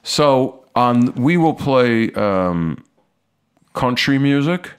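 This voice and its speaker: A man from the United States, a guest musician talking casually in an interview, relaxed and a little hesitant. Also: medium pitch, extremely slow, clean tone. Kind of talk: casual conversation.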